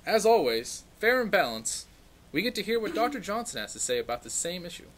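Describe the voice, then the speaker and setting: Man acting as parody news anchor, smug, mock-earnest, high voice, lively intonation, scripted satire. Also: a little fast, heavily acted. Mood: smugly authoritative.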